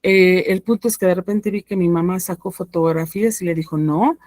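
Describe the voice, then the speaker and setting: A woman's voice: lowish voice, fairly even intonation, fairly quick, darkish tone, no room sound. A woman, telling a personal story to a workshop group in a chatty way. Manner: conversational, frequent "¿no?" tags. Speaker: workshop speaker.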